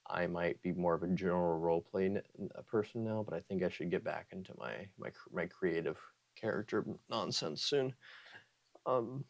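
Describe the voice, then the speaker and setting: A man who hosts an ASMR channel, talking softly with a strained throat and rambling, often correcting himself and slipping into whispers. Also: deep voice, normal speed, vocal fry. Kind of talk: soft-spoken ASMR outro chat.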